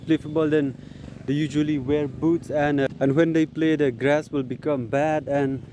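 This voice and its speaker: A man's voice: a little high, fairly even intonation, normal speed, warm tone, a little hiss or hum. A man with a Northeast Indian accent talking casually outdoors for a running vlog, hesitant and often repeating his phrases. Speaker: vlogger. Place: outdoors on an open grass field.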